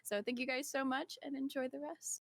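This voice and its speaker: A woman hosting a livestream event, playful and quick to laugh. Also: high voice, flat delivery, no room sound, studio quality. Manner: giggly, playful. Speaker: event host.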